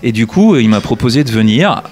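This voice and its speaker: A middle-aged actor from northern France, speaking mostly standard French with slight northern traces, talking in a relaxed interview with many restarts and fillers. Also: male voice, mid-range voice, quick pace.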